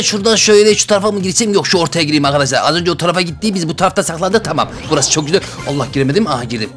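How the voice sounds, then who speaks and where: A man giving loud, excitable, slangy commentary while playing a video game and talking to his viewers. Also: sits high. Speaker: gaming YouTuber. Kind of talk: excited Let's Play commentary. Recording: faint game music behind.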